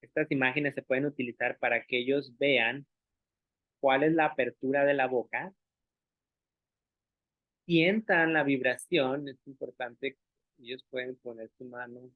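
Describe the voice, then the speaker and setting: A man who teaches language speaks at an ordinary pitch in an online explanatory talk, patiently walking through every step, checking that listeners follow, asking if they agree, and voicing sounds as models. It's a dry, tinny, phone-like recording with no reverb.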